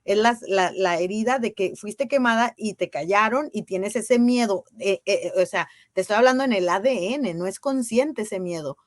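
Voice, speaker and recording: A woman's voice: medium pitch, normal speed, few pauses, no room sound, clean studio sound. A woman, a guest in a casual interview, who talks earnestly and emphatically and uses rhetorical questions. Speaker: guest on women's ceremonial circles.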